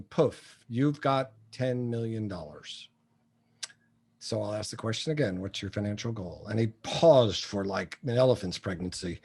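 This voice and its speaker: A man's voice: medium pitch, darkish tone. Blunt older man in his sixties. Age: 60s. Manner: blunt, joking storyteller. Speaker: guest entrepreneur and coach. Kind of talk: casual interview talk.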